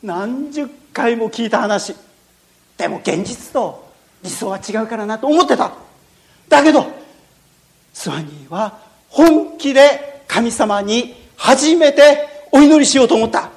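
High voiced lady telling kids a church story, sound effects and all, super animated. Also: takes it slowly. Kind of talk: sermon storytelling for children.

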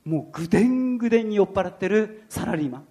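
A preacher leads a sermon, narrating a story with lively, animated delivery. The voice stays at an ordinary middle pitch, then settles into the teaching. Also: quick pace.

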